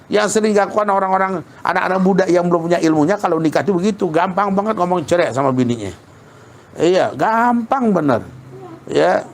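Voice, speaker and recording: A man giving a casual religious lesson, colloquial and lively, repeating points for emphasis. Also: sits high. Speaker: Islamic preacher.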